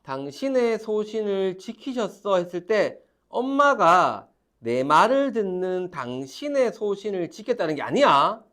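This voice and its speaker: A man lectures a classroom on grammar, repeating each key term with emphasis. His pitch swings widely as he talks. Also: very animated, measured pace, fairly bright tone. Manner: emphatic, repeats key terms, calls on students. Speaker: teacher.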